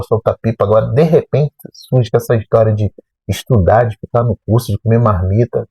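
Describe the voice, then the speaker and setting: Husky, mellow man from Rio. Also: mid-range voice, dry recording, low-quality recording. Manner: lively storyteller who acts out remembered dialogue. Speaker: math teacher and channel host. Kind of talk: personal motivational storytelling.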